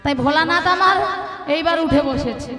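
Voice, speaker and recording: High-voiced kirtan storyteller woman, echoey hall. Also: normal speed. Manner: lively, talks to the audience, switches between speech and song. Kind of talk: devotional kirtan storytelling with song. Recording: echoey hall with loud music.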